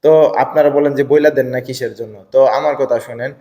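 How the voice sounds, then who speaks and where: A man's voice: medium pitch, steady tone, fast, mellow, big-room sound. A man talking casually and hesitantly to his viewers in a vlog, with many fillers and repeats. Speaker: vlogger.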